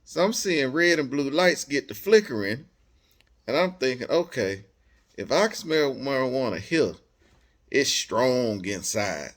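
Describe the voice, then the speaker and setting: An American man with a mid-range voice, speaking a little slowly, tells a personal story in a casual manner. His talk is lively and slang-filled, and he acts out pieces of dialogue along the way.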